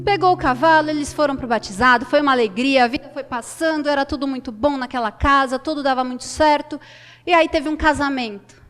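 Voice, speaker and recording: A woman storyteller with a high voice tells a folk tale expressively, pausing for drama and shifting her pace. Her voice carries a long hall reverb, with faint guitar behind. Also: a bit bright.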